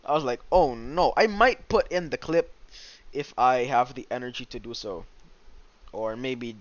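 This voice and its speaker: A young man hosting a podcast, ranting loudly and crudely, breaking into squealing acted outbursts. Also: medium pitch, measured pace, dry recording, highs cut off. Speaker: podcast host. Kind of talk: casual podcast chat.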